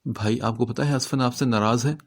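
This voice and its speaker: Narrator as a mischievous younger brother, teasing, gravelly voice. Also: male voice, mid-range voice, steady tone, lightly acted. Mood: cheeky. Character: playful young man, cheeky younger brother.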